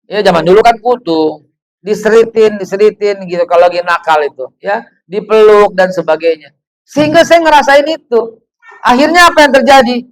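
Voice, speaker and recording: A man, preaching to a women's gathering in an animated storytelling way, full of rhetorical questions. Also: sits high, normal speed, poor audio.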